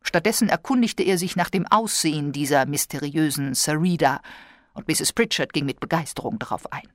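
A woman calmly narrating a story as an audiobook reader. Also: sits low, moderate pace, no room sound, studio quality.

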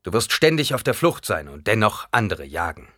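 A man reading an audiobook, voicing a weary, fatalistic noble duke who speaks gravely to his son. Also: on the low side, very animated, fairly quick, fairly bright tone, no echo, studio quality, voice pushed up.

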